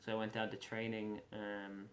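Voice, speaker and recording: West of Ireland man, low echoey voice. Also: completely flat delivery, moderate pace. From Galway, west of Ireland. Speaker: lacrosse player being interviewed. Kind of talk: casual interview answers. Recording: echoey room with faint background noise.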